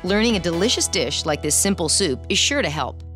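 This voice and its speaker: A woman's voice: on the low side, big pitch swings, fairly quick. A woman in her forties, a cooking show host, upbeat and encouraging as she talks a home cook through a recipe in a home kitchen on a lapel mic. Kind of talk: cooking show instruction and voice-over. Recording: music bed under the voice. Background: music.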